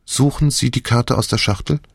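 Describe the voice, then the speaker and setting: A man voicing a brisk, businesslike middle-aged nurse. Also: medium pitch, creaky, breathy edge, dry recording, studio quality, pitched above the performer's own voice. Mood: curt.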